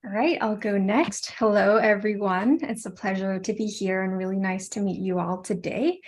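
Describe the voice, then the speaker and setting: A woman speaking on an online panel over a video call, measured and thoughtful. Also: mid-range voice, a little hiss or hum. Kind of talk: casual online panel talk.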